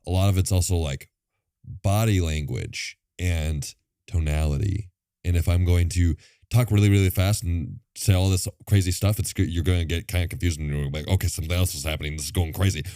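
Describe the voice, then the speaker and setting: A man co-hosting a podcast in casual chat, rambling with plenty of filler words and toying with fast and slow delivery. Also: sits low, dark tone, clean tone, dry recording, studio quality. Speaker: podcast co-host.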